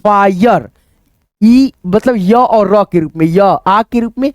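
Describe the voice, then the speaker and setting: In a phonics lesson for beginners, a man teaches how to read English words by spelling them out letter by letter, repeating each answer and quizzing his viewers. He keeps asking them what to read. His high voice is slow, and the recording is studio quality with no echo.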